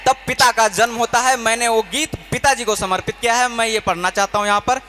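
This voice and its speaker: A man's voice: extremely high pitch, steady tone, brisk, pushed and bright, faint music behind. A man declaiming fiery patriotic poetry from a college stage, repeating his lines for emphasis. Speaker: poet. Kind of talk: live poetry recitation.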